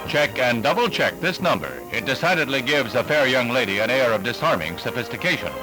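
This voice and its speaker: An American man delivers scripted narration for a 1960s newsreel, formal and emphatic in the announcer tradition, over a vintage soundtrack with background music. His medium-pitched voice is animated and brisk, and the recording is rough.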